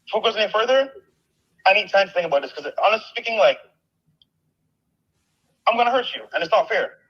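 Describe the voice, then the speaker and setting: A man heard on a recorded phone call played back, talking earnestly and haltingly, repeating himself. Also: high-pitched, expressive, husky.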